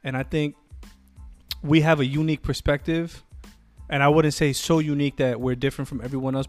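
Male podcast co-host, mid pitch, loose, profane, rambling delivery. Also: dry recording. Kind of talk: casual chat.

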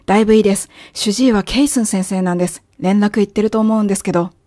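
A woman teaching English with clear, patient explanations and slow, careful example phrases; Japanese is her first language. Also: medium pitch, steady tone, warm tone, dry recording, clean studio sound. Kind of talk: language lesson narration.

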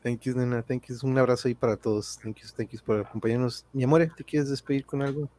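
A man with a northern Mexican accent hosts an online livestream show, wrapping it up with a casual sign-off chat and sprinkling in English phrases. His mid-range voice is steady, fast, and dark in tone, with clear background noise in the recording.

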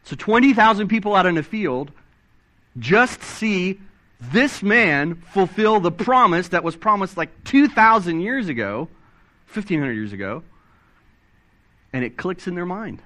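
A man preaching a sermon, excitable and animated, reading scripture aloud and swinging his pitch up and down as he stresses points. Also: unhurried. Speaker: pastor.

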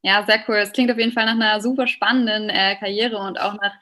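A woman's voice: medium pitch, fairly even intonation, fast talker, bright, forceful tone. A young woman interviewing a guest, asking questions and wrapping up with hesitant fillers.

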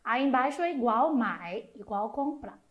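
A woman with a Chinese accent and Mandarin as her first language, slowly and patiently teaching a short lesson on a talk show. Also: fairly high pitch, animated, highs cut off. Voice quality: slow, patient explaining with repeated drilled syllables.

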